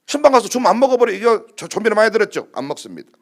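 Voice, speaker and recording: Very fast and high-pitched, a male pastor preaches a sermon, telling stories animatedly and acting out the quotes.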